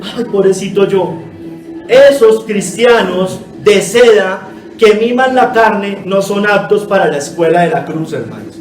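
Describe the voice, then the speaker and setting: High-voiced man preaching in an echoey hall. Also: lively intonation, a little slow, faint music behind. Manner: earnest exhortation, constantly calling listeners brother. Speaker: pastor. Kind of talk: sermon. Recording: echoey room, voice from a distance.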